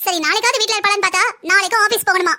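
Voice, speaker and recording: A woman voicing a bossy, sharp-tongued older sister-in-law who taunts and scolds in a cartoon family story. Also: extremely high pitch, steady tone, rapid-fire, heavily acted. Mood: scolding.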